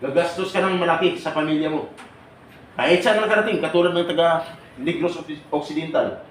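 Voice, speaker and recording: A man giving an earnest seminar talk to an audience, often checking in with rhetorical questions. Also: on the high side. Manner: earnest, rhetorical, keeps asking "no?" and "tama?". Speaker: OFW assistance advocate. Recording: echoey room with faint background noise.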